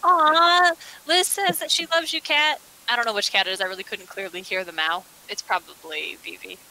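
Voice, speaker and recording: Bright-voiced woman, playful, high-pitched. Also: normal speed, a little hiss or hum, low-quality recording. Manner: playful, often breaking into laughter. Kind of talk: casual chat during a game dubbing session.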